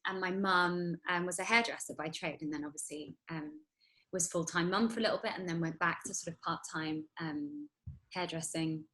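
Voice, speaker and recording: A woman in her thirties with a low-pitched voice chats casually as an interview guest. She rambles, restarting sentences and filling pauses with ums. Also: fairly even intonation, a bit bright, poor audio. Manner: chatty, rambling, many fillers and restarts. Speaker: guest actress.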